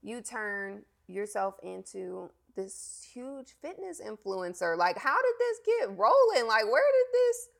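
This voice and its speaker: A woman's voice: on the high side, sing-song, takes it slowly, gravelly, hardly any pauses. A woman podcast host asking questions in a supportive, chatty manner. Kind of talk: casual interview questions.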